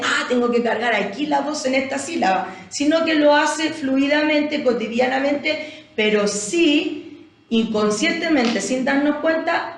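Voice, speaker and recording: A Chilean woman teaching a language lesson who keeps checking in with her listeners. Her voice sits high. She is heard from far off in a strongly echoing room. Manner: explanatory, keeps asking "¿cierto?". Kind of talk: recorded language lesson review.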